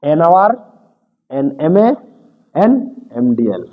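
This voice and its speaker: A man's voice: mid-range voice, sing-song, takes it slowly, phone-quality sound. A male teacher giving a grammar lesson, speaking straight to his students and checking again and again that they follow. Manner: speaks directly to students, mixing in English terms. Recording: echoey room with long reverb.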